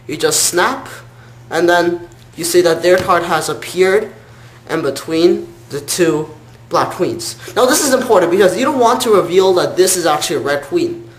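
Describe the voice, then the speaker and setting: A man giving an informal step-by-step card trick tutorial as a magician, sometimes correcting himself. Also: high-pitched. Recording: roomy, echoing sound.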